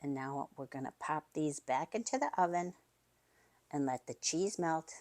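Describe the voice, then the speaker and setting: A woman's voice: sits low, lively intonation, moderate pace, a little mellow. A woman hosting a home cooking video, chatty and enthusiastic, talking straight to her viewers as she shows a recipe. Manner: enthusiastic, chatty, addresses viewers as you guys. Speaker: cooking channel host. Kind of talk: casual recipe demonstration.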